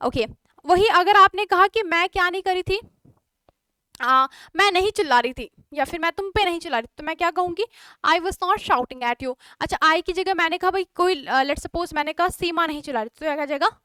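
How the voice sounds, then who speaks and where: Indian lady teacher, really high bright voice, keeps asking if everyones got it, dry sound. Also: brisk, no room sound. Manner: explains step by step with frequent checking questions. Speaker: spoken English teacher. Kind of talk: online class lecture.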